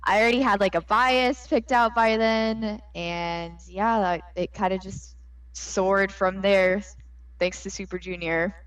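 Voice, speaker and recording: Young american woman, lively and laughy storytelling, mid-pitched voice, casual podcast chat. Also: a little slow, rough recording. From United States. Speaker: podcast co-host.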